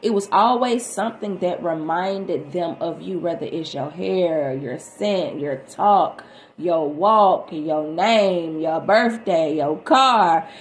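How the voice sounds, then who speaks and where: Woman, tarot reader, lowish voice, animated, roomy echo. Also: slow pace. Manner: animated, chatty, sings snatches of songs. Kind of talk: casual tarot reading to viewers. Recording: echoey room, faint background noise.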